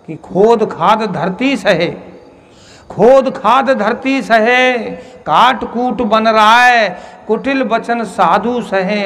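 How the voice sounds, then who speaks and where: A male preacher with a high, gravelly voice, delivering a devotional sermon at an ashram gathering. He repeats key phrases and slows right down to chant verses. His delivery moves between storytelling and exhortation.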